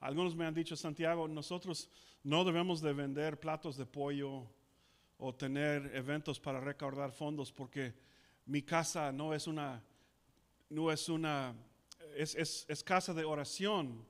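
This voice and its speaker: A man's voice: fairly high pitch, steady tone, unhurried. A male pastor with a South Texas Spanish accent, preaching a sermon that switches between Spanish and English and leading the congregation in call-and-response. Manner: repeats each point in both languages, leads call-and-response. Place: church.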